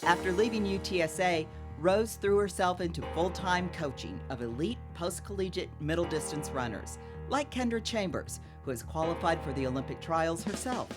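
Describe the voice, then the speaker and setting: Woman, narrator, scripted tribute narration, very low voice, measured, music underneath. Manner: measured, even reading.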